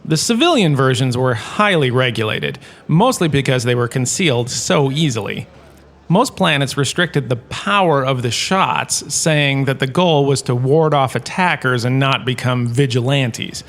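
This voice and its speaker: In a scripted comedic audio drama, a man plays a quirky, enthusiastic lecturer who is a washed-up star, chatting away with plenty of showy asides. His voice is medium-pitched, animated, a bit bright, and a little slow. He comes across as enthusiastic and informative.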